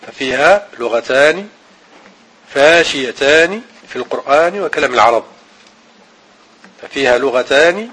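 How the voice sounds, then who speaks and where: A man teaching an Arabic grammar and Quran reading lesson, repeating each rule slowly and chanting the verses he quotes. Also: on the high side, a bit bright, breathy edge, poor audio.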